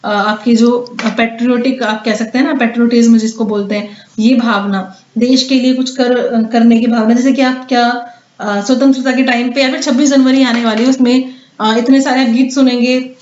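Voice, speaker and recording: A woman's voice: on the high side, little pitch movement, moderate pace, darkish tone. A woman teacher giving an exam-prep lecture, explaining with many fillers and restarts and often checking in with her students. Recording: echoey dull lo-fi room sound.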